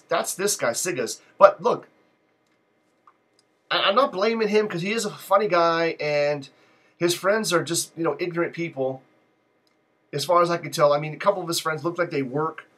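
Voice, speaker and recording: A man hosts a live call-in stream in a rambling, unscripted monologue, drifting off topic and cracking jokes. His voice is husky and breathy, with a bright, forceful edge and a pitch a little above most men. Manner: digressive, loose and joking. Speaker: live call-in show host.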